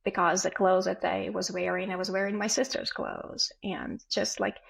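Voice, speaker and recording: Guesting on a podcast, a Ukrainian-accented woman in her forties shares stories in a relaxed chat, performing the back-and-forth of family exchanges. She speaks at a moderate pace in a medium-pitched voice with fairly even intonation and vocal fry.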